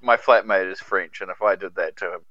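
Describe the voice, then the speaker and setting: A man co-hosting a gaming podcast, animated and swearing freely as he rants. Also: deep voice, brisk, highs cut off. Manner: animated, swearing, acting out quotes. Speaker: podcast co-host. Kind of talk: casual gaming podcast chat.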